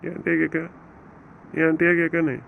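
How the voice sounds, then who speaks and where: A man's voice: a little high, a little fast, close to an everyday voice. A man as a scolding, coaxing husband. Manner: scolding, lecturing, then coaxing. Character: stern but loving young husband. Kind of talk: audio drama acting. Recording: dull lo-fi recording with faint noise.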